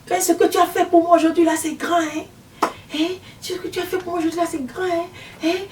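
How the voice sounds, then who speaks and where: A woman voicing a scheming, insistent older woman, a witch, who flatters and keeps pressing with repeated questions. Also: extremely high pitch, fairly quick, noisy background, voice pushed up. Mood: wheedling, insistent. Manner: wheedling, flattering, repeats "hein?". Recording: roomy, mic far away.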